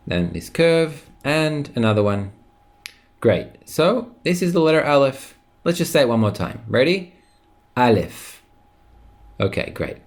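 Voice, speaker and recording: Patient, lively male language teacher. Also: on the low side. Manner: patient, encouraging, drawn-out repetition of words. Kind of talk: online language lesson.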